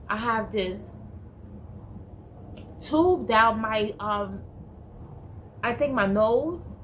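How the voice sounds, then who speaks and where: A middle-aged woman telling a personal story in a vlog, halting and searching for words with many restarts. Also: on the high side, slight background noise, poor audio. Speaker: vlogger.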